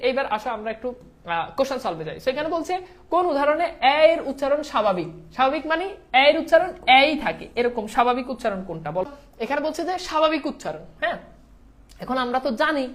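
A woman with a high voice teaches a lesson at a brisk clip. She fires questions at her students and answers them herself, moving quickly from one point to the next. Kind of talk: online exam-prep lesson.

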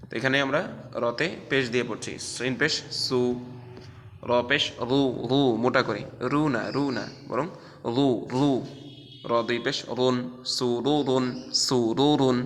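A man teaching a Quran recitation class, spelling out letters and drawing out recited words slowly between explanations of the rules. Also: medium pitch, a bit bright, long reverb tail. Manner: slow, drawn-out recitation of syllables, then explaining rules.

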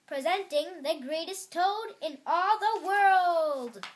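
A woman's voice: extremely high pitch, expressive, takes it slowly, pitched above the performer's own voice, heavily acted. A young girl voicing a strange, grand stage announcer in a storybook, declaiming. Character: strange booming stage announcer voice from far away.

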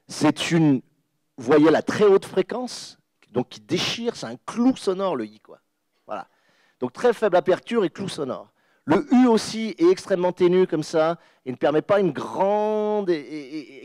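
A man's voice: mid-range voice, a little mellow, dry recording. Emphatic man explaining with restarts. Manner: emphatic, restarts and repeats words, acts out sounds. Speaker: guest author on a panel. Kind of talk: animated lecture-style explanation.

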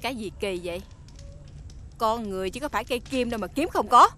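A bossy Southern mistress. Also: female voice, a little high, animated, fast talker, bright, forceful tone, slight background noise. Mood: scolding. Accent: Southern Vietnamese. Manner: scolding, bossy. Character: sharp-tongued young mistress of a rich household. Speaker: actress. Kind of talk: TV drama acting.

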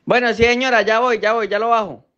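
A man's voice: very high voice, steady tone, fairly quick, a bit bright, muffled recording, faint music behind. A man playing a cheeky coastal teenage son. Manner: cheeky, literal-minded, talking back. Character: cheeky eighteen-year-old son, playing dumb. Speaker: sketch actor. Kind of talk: comedy sketch acting.

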